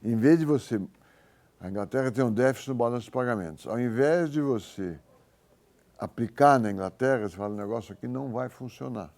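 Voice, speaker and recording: This Brazilian-accented economics professor has a gravelly, medium-pitched voice with a darkish tone. His university lecture is informal and halting as he reasons aloud through examples, fixing his own slips.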